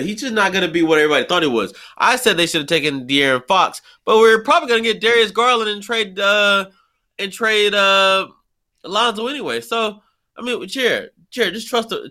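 A man's voice: sits high, lively intonation, a little fast, bright, forceful tone. A man co-hosting a sports talk show, lecturing and dismissive as he argues his point. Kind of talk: heated sports debate.

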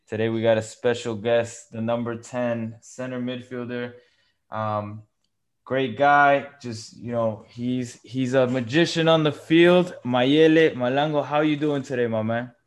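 A man's voice: mid-range voice, fairly even intonation, a little slow. A man hosting an interview show, speaking informally and chummily as he puts questions to his guest. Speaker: podcast host and interviewer.

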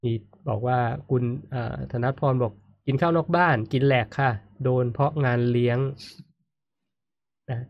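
A man's voice: medium pitch, unhurried. A man hosts a casual live stream, reading viewer comments aloud and murmuring agreement as his guest talks. His voice sounds slightly muffled and lo-fi. The room adds no echo at all. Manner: frequent murmured "mm" backchannels, reads comments aloud. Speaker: host.

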